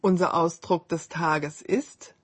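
A woman hosting a scripted radio language lesson, reading model phrases slowly and clearly. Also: lowish voice, steady tone, loud music behind the voice.

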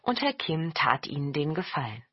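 A woman storyteller reading a fairy tale slowly and deliberately. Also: sits low, big pitch swings, breathy edge, no room sound. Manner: slow and deliberate. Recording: dull lo-fi recording.

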